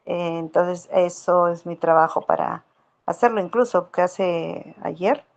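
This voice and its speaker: A woman's voice: on the low side, a little slow, creaky, a little mellow. A woman sharing a personal testimony in a group meeting, hesitant and full of fillers, acting out remembered dialogue. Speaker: participant in a weekly spiritual group meeting.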